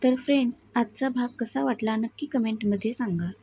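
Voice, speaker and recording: Husky woman reading a story. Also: a little high, moderate pace, mellow, dry recording, poor audio. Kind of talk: scripted story narration.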